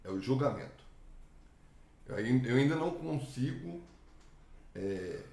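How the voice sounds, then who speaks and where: A man guest telling a personal story in relaxed, plain-spoken conversation. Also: mid-range voice, measured pace, gravelly, echoey room. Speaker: podcast guest. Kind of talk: casual storytelling.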